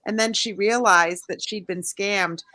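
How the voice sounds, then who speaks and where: A woman co-hosting a casual podcast chat, telling stories in an animated, chatty way. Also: medium pitch, a little slow. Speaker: co-host.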